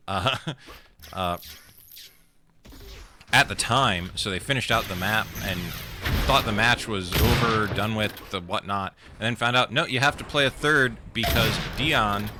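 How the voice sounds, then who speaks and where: A man casting a live online shooter match as the host, easygoing between rounds and quicker and louder in the action. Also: fairly low pitch, background noise. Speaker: esports caster. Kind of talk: live play-by-play commentary.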